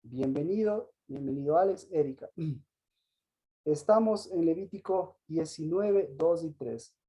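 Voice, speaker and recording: A woman delivers a Sabbath Bible teaching in a low-pitched, mellow voice at a slow pace. She often asks her listeners questions, restarts phrases, and clears her throat.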